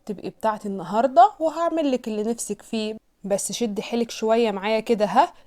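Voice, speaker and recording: A woman's voice: on the high side, fast, warm tone, natural voice. A woman with an Egyptian Arabic accent voicing a cold, possessive young billionaire man, mocking and domineering in a recap story. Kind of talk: recap storytelling with voiced lines.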